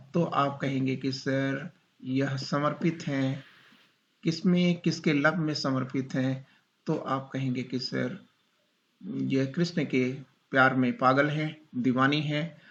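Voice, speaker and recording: A male teacher giving a classroom lecture, dictating slowly and repeating points as he asks his students questions. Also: mid-range voice, lo-fi sound, slight background noise.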